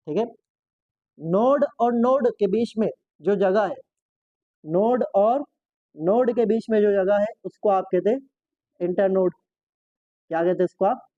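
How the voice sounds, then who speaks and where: A man's voice: high-pitched, a little slow, long pauses, dry recording, dull audio. A man teaching a biology lesson for exam prep, asking questions and answering them himself, repeating key terms and mixing Hindi with English science words.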